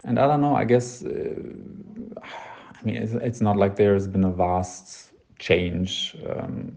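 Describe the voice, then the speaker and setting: A man's voice: on the low side, slow, gravelly, a little mellow. A man in his late twenties with a German accent, leaving a long, rambling, hesitant voice message full of fillers and self-deprecating laughs. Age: 20s. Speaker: voicemail sender. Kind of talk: casual voice message.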